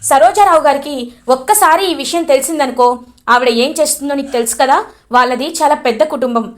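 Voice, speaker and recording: A woman's voice: high-pitched, natural voice. A woman voicing a worried mother-in-law urgently persuading a relative.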